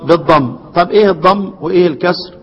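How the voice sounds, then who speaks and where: A man with an Egyptian accent teaching a recitation class, often asking his students a question and then answering it himself. His voice sits high and sounds a little husky. He now and then slips into slow chanted verses, all carried by a long hall echo. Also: muffled recording. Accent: Egyptian Arabic. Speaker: sheikh teaching Quran recitation. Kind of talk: classroom lesson.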